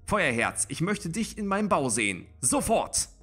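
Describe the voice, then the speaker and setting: A man's voice: mid-range voice, lively intonation, moderate pace, fairly bright tone, faint music behind. A man reading aloud and voicing a stern female cat clan leader who scolds and commands. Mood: commanding.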